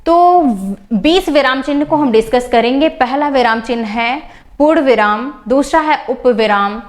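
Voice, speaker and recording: A woman teacher with a slightly high voice gives a grammar lesson over slides. She explains each point by repeating and rephrasing it, slowing down on her examples. When she lists items, she goes through them one by one in a measured classroom tone.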